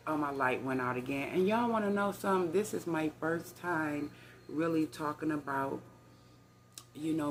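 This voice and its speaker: A woman's voice: deep voice, a bit bright, slight background noise. An older woman, chatting to her viewers in a rambling storytime vlog recorded on her phone. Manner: rambling, conversational, addresses viewers as y'all. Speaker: vlogger.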